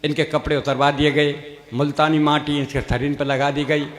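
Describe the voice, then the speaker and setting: A man's voice: fairly high pitch, little pitch movement, normal speed. A man, telling rustic comic stories on stage and voicing every character in turn. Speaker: stand-up comedian. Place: stage at a comedy gathering. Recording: echoey hall, long reverb.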